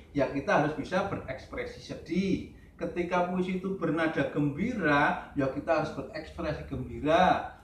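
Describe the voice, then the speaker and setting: A man's voice: fairly high pitch, a little hiss or hum. Male teacher in an echoey room. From Central Java, Indonesia. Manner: talks slowly, stresses key words, asks the class questions. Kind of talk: classroom lesson. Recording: roomy echo, voice from a distance.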